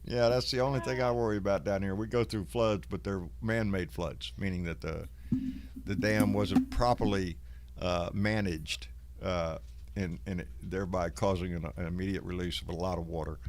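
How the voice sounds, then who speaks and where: A man hosts a casual online show in a low voice. His accent is Southern US, with a folksy drawl. He talks plainly and saltily, like someone chatting with regulars. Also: steady tone, moderate pace, slight background noise. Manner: salty, profane. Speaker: host of a live online show. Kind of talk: casual livestream chat.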